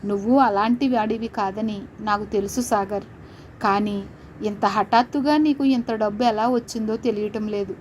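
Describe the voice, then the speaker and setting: A woman's voice: medium pitch, steady tone, normal speed, a little mellow, slight background noise, lightly acted. A woman voicing a proud young wife. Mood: firm. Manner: cool, firm.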